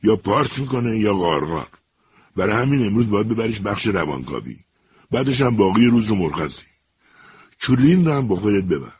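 A man voicing a curt male army sergeant who gives brisk, matter-of-fact orders. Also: lowish voice, very animated, a little mellow, slight background noise.

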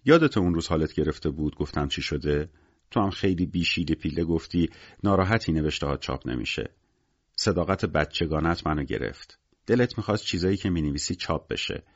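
A man's voice: sits low, expressive, dry recording, dull audio. A man voicing a weary, menacing gangster in an audiobook, curt and cynical in everyday speech. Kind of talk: audiobook character voice.

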